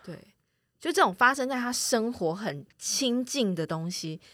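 A woman's voice: fairly high pitch, animated, a little slow, fairly bright tone, no echo, studio quality. A woman co-hosting a casual chat, reassuring and full of advice. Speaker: podcast co-host.

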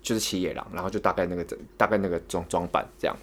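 This low-voiced young man talks at a rapid-fire clip, his Taiwanese Mandarin accent clear as he co-hosts a podcast. His long, casual anecdote wanders, with repeated words and lively bursts during the retelling.

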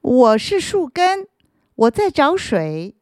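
A little tree root from a children's storybook, polite and earnest, asking its questions timidly in a high, lifted voice, as a woman storyteller puts it on. The voice bounces up and down with lively pitch. The sound is close and dry. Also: takes it slowly, no echo, full character voice.

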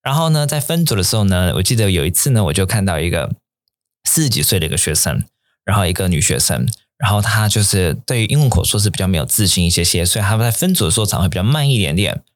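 Man, low voice that swings widely, English teacher explaining phrases, dry close mic. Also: fast talker, no echo. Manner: animated, mixes English phrases into Mandarin. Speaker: English teacher and podcast host.

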